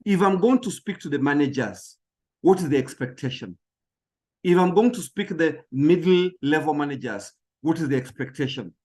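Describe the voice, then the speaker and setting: A man's voice: on the high side, expressive, normal speed, a little mellow. A man who trains people in public speaking, giving an emphatic motivational talk that repeats key phrases and often stumbles over small words.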